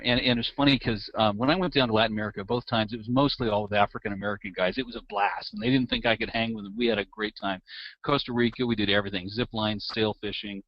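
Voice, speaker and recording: A man hosting a podcast, telling a story with lively, laughing enthusiasm. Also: on the low side, no echo. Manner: lively, laughing anecdotal delivery. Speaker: podcast host. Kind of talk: animated storytelling in interview. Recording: dull, slightly lo-fi dry sound.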